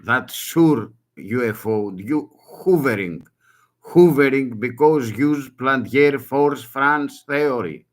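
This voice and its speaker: The speaker in this self-made video is an older, Greek-accented man, a native speaker of Greek. His mid-range voice is animated and slow as he urgently appeals to the public in broken English, repeating short phrases.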